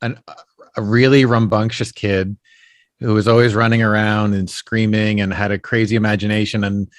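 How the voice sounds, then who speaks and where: Speaking in a level tone, this actor and puppeteer guest rambles through stories on a casual podcast, his lowish voice recorded dry and close with no echo. Pauses are packed with "you know" and "um."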